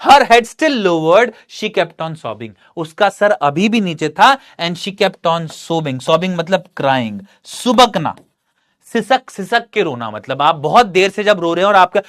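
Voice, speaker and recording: An English teacher walks through a story sentence by sentence, reading each line slowly before explaining it. The voice rises and falls in a lively, animated way. Words get defined along the way, with frequent checks like "right?". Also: mid-range voice.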